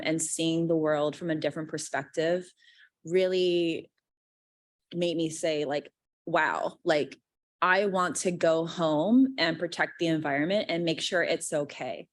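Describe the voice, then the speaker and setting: A woman in her thirties from Guam shares her story on a panel, chatting freely, saying "like" constantly, and acting out quoted lines. Her voice is low, in a dry recording.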